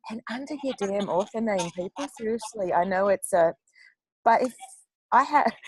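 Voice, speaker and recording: A woman's voice: medium pitch, animated, moderate pace, breathy edge, no echo, low-quality recording. A woman author on a panel discussion who talks bluntly, swears freely and laughs often.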